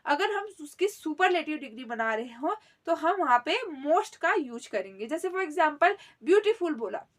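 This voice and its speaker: A woman's voice: high-pitched, sing-song. A woman teaching a grammar lesson, who spells words out letter by letter and keeps checking in with her listeners. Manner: repeats "theek hai" often, spells letters out slowly.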